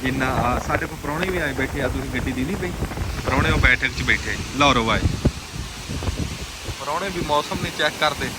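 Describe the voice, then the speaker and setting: Speaking a little fast in a mid-range voice, a man with a Punjabi accent chats casually as a vlog host, sounding wistful and reflective. He's outdoors in a rainy village, and the recording is noisy with vehicles and ambient sound.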